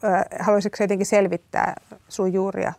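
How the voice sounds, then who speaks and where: Woman interviewer, gravelly voice, hesitant fillers, dry sound. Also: medium pitch, little pitch movement, darkish tone, dry recording. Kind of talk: interview questions.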